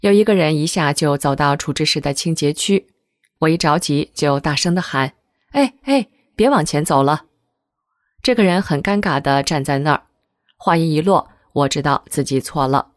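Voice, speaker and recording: Low-voiced woman reading steadily. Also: moderate pace, no echo, studio quality. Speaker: article reader. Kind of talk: scripted reading of a testimonial article.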